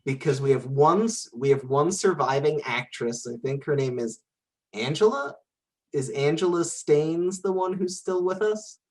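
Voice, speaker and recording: A man from Southern California in casual podcast chat, talking hesitantly with many pauses and fillers. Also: a little high, expressive, darkish tone. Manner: hesitant, full of "uh" and "like". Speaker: podcast co-host.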